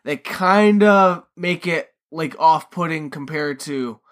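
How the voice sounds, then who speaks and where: A man's voice: a little high, slow pace, fairly bright tone. A man co-hosting a podcast in casual chat, rambling and swearing freely as he talks. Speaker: podcast co-host.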